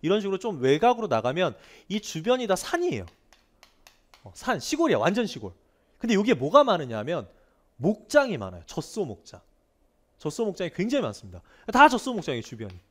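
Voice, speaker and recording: A man giving a grammar lecture, keeping up a steady stream of rhetorical questions and repeating key words for emphasis. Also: sits high, fairly quick. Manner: animated, asks students frequent rhetorical questions. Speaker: English grammar teacher. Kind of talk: lively online lecture.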